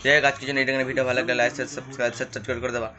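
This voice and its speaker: A man rattles through his day in a quick, chatty stream, mocking himself along the way. His voice sits in a middle register. It is captured on a phone with dull, lo-fi sound. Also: mid-range voice, level tone, music in the background. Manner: rambling, chatty, self-deprecating. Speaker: vlogger. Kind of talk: casual daily vlog chat.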